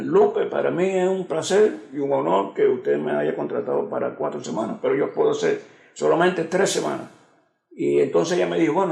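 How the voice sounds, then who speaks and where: An older man with a deeply gravelly, fairly high voice spins a fond anecdote, chuckling and quoting the dialogue. He sounds like he is in an echoey room. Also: a little mellow. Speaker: musician interviewee. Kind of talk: anecdotal interview.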